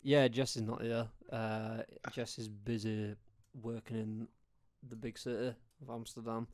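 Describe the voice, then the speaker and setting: A man's voice: on the low side, little pitch movement, unhurried, darkish tone, dry recording, studio quality. A man with a strong Yorkshire accent, chatting casually in a blunt, sweary, teasing way. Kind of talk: casual banter.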